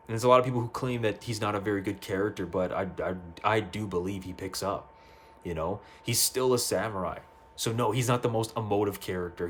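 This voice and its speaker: A man talking casually about a video game ending, excitable, swearing freely and often stumbling over and repeating his words. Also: lowish voice, slight background noise. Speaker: gaming youtuber. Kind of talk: casual game review monologue. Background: faint music.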